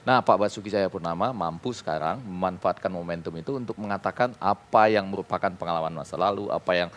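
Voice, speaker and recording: A man's voice: low voice, fast. A man giving his view as a guest on a television talk show, reasoning his point step by step. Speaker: guest commentator.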